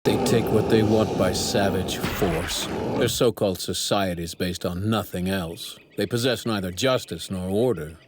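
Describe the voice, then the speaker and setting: Here a low-sitting male voice plays the arrogant young apprentice to the gods in an English anime dub, scorning mortals with icy disdain. His lines are formal, pompous and exact, carrying cold condemnation over background noise.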